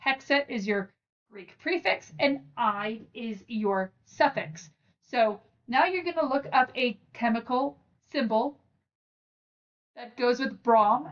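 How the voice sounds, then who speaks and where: A teacher who hosts her own channel guides learners through a lesson step by step in a fairly high voice, speaking to them directly in a casual, encouraging way. She sits far from the mic, so the sound comes across slightly dull.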